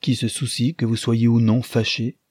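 A man with a husky voice voicing an impetuous young wife who scolds with imperious, haughty commands. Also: on the low side, measured pace, warm tone, dry recording, studio quality. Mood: furious. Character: impetuous young wife, tender then fiery-tempered.

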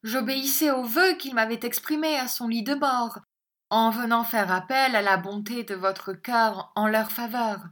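A woman's voice: high voice, unhurried, hardly any pauses, voice pushed up. A woman voicing a weary widowed mother who speaks in a faint, pleading voice, in an audiobook reading.

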